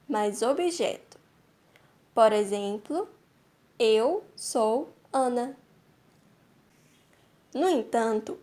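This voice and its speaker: A young adult woman narrating a language lesson, speaking clearly and deliberately and repeating each example slowly. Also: fairly high pitch, a little mellow. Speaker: Korean language teacher.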